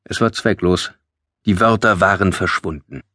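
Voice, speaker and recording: Male narrator, low husky voice, dry close studio sound, tense measured delivery. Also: pushed and bright, no room sound. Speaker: audiobook narrator. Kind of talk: scripted first-person audiobook narration. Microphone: close studio mic.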